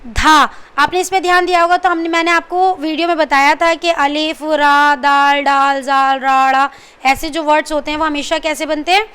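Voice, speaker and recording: A woman gives a beginner reading lesson. She poses questions to her class and answers them herself. She drills each syllable slowly and patiently. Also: high-pitched, steady tone, a bit bright. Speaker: Urdu script teacher.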